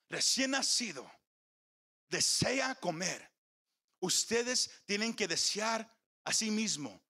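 A man's voice: high voice, pushed and bright. A man preaching a sermon in a church, calling on the congregation and slipping into English phrases. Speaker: pastor. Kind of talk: bilingual sermon.

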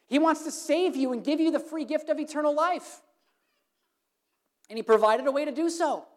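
A woman preaching an evangelistic sermon, earnest, swinging from emphatic lines to hushed, soft ones. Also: sits high, moderate pace.

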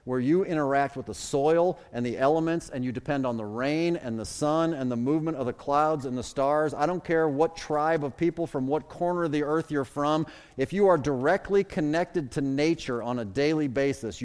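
A middle-aged pastor from the Chicago suburbs preaches a sermon, his delivery rising and falling with emphatic swells and drops. His voice is a little high, with a darkish but clean tone, and a long hall reverb surrounds it.

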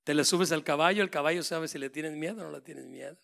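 A man with a high, bright, ringing voice preaches with fire. He swings from booming proclamations down to hushed, close asides. He delivers it as a passionate Spanish sermon. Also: quick pace, gravelly.

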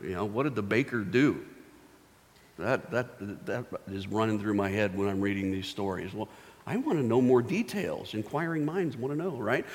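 A man's voice: fairly low pitch, expressive, moderate pace. A man preaching a sermon, telling a Bible story in a casual, playful way with many filler words. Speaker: pastor. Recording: long hall reverb.

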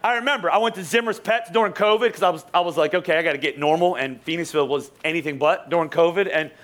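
Young man, pastor, high voice, sarcastic, rambling sermon story, church. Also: fast, fairly bright tone. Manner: joking, sarcastic, many restarts and asides to the congregation. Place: church sanctuary.

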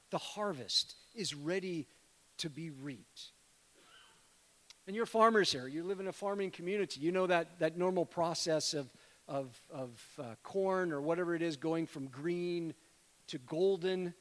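High-voiced man preaching in a reverberant hall. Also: fairly bright tone. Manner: conversational, addresses congregation as friends. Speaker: guest preacher, missionary. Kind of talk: sermon. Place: church sanctuary.

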